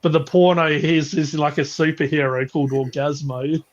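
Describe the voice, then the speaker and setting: A man's voice: a little high, steady tone, moderate pace, a little hiss or hum. A man talking casually with a rambling, restart-heavy manner, breaking into laughter as he goes. His voice comes through dull, lo-fi live stream audio. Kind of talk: casual chat.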